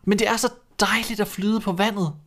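A man's voice: high-pitched, steady tone, a bit bright, voice pushed up. A man voicing a plaintive little duckling. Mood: wistful. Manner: plaintive, earnest. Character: sad, misunderstood young duckling. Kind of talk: storybook reading.

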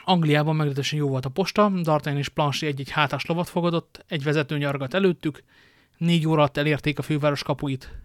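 A man reading a novel aloud in a steady narrating voice, now and then stumbling and correcting himself. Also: fairly high pitch, no room sound, clean studio sound. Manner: steady narration with occasional slips and self-corrections. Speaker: audiobook reader.

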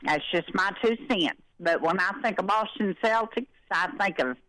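A woman's voice: mid-range voice, normal speed, a bit bright, dry recording, low-quality recording. An older woman calling in by phone, a little out of breath, talking in a folksy, rambling way. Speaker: caller.

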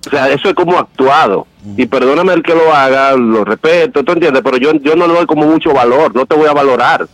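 A man with a Dominican accent calling in to a radio talk show over the phone, animated and mimicking others for laughs. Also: fairly high pitch, a little fast, poor audio. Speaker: caller. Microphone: phone call.

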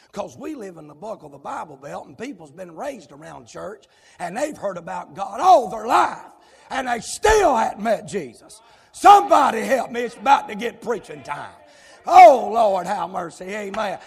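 Gravelly Southern US preacher in a big church hall. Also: male voice, high voice. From South Carolina, US. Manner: fiery preaching that builds to shouting, folksy. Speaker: pastor. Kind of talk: sermon. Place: large church sanctuary. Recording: long church hall reverb.

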